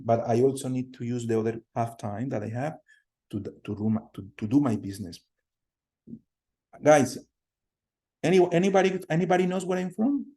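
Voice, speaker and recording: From a home room on a video call, a Colombian man in his thirties gives an online class lecture with energy. His voice is mid-range, and he often repeats words and puts questions to his students.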